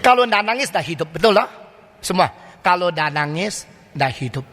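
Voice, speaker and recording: A man's voice: high-pitched, animated, moderate pace, fairly bright tone. An older man preaching a sermon as a pastor, emphatic and full of rhetorical questions. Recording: long reverb of a large hall.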